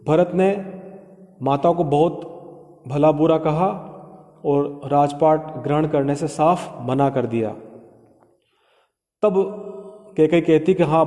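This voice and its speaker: A man's voice: on the high side, fairly even intonation, unhurried, pauses often, mellow, long reverb tail. A male literature lecturer explaining a poem to students, patiently paraphrasing each verse line in plain words.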